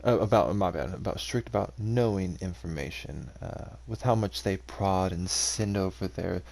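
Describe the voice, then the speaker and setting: A suspicious forest soldier, as a game master puts him on, probing strangers with skeptical questions and halting fillers. His voice sits low and gravelly, with a rough fry at the ends of phrases. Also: darkish tone.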